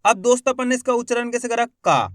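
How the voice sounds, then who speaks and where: A man's voice: very high voice, lively intonation, fast, dry recording, studio quality. A man hosting an online Hindi lesson for beginners, who keeps reassuring the viewers and drills syllables one at a time, stretching the long vowels. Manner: emphatic, repeats assurances and calls the viewers 'friends'. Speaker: Hindi teacher, channel host.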